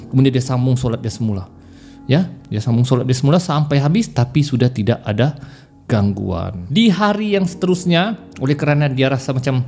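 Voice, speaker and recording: A man tells a ghost story for his podcast in a casual, spoken way, his pitch rising and dropping sharply as he acts out the frightened characters. His voice sits at a middle pitch. Faint music plays quietly behind him. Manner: animated, acts out voices and cries in the telling. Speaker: horror story podcast host.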